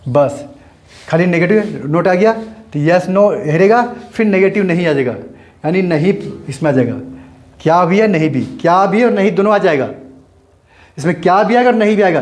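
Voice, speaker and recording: A man's voice: fairly high pitch, a little mellow. A man with a slightly raised voice gives a grammar lesson. He repeats each step and checks that his students follow before moving on. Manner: repetitive, explains step by step while writing. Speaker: English teacher. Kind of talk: Hindi-medium grammar lesson.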